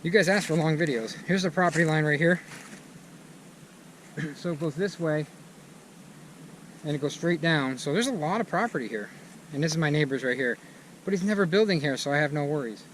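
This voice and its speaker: A chatty man gives casual vlog commentary while walking outdoors, and his voice sits a little high. A bulldozer engine and outdoor noise come through clearly behind him. He sounds excited and talkative. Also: fairly quick, long pauses, poor audio. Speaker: vlogger. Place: outdoors on a wooded lot. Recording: outdoor noise and vehicle rumble.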